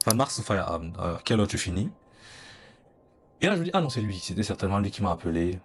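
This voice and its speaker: A man's voice: low voice, big pitch swings, fast talker, a little hiss or hum. A young man, earnestly telling a personal story in an interview and acting out the dialogue. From Cameroon. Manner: earnest, recounting, acts out dialogue.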